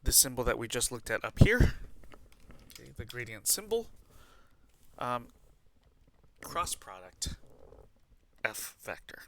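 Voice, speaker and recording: A man's voice: mid-range voice, very animated, a little slow, gravelly, long pauses, fairly bright tone. A man teaching math at a board, explaining and dictating notation piece by piece as he writes it out. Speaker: math teacher giving a lecture. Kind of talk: board lesson, explaining while writing out notation.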